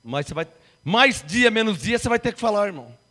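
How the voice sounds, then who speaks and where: A man in his fifties preaching a sermon, firing rhetorical questions at the congregation and swinging from loud to hushed. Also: high voice, sing-song, fast. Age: 50s.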